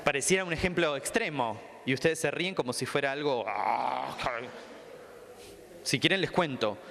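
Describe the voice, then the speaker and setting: A man's voice: mid-range voice, moderate pace, creaky, big-room sound, slight background noise. A man with a Rioplatense Spanish accent, a psychologist giving a training talk and acting out anecdotes as he tells them. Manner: animated storyteller acting out dialogue. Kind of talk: lecture with anecdotes. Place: lecture hall.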